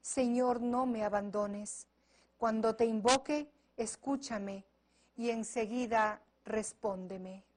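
Lady lector reciting psalm at mass, really slow, voice a bit high. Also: steady tone, darkish tone.

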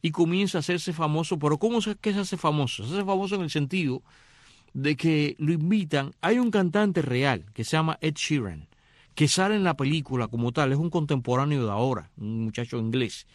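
A man's voice: fairly high pitch, brisk, no room sound, studio quality. A middle-aged man casually retelling a film's story, acting out the characters' lines. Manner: animated, acts out dialogue. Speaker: radio host recounting a film.

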